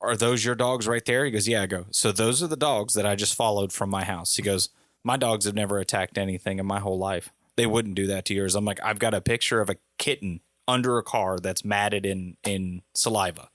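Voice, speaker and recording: A low-pitched man on a casual podcast, spinning a story with animated gusto and jumping up in pitch whenever he quotes someone. The sound is dry and close, with no room around his voice. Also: a little fast, no room sound. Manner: animated storyteller, raising his voice when quoting people. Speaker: podcast co-host.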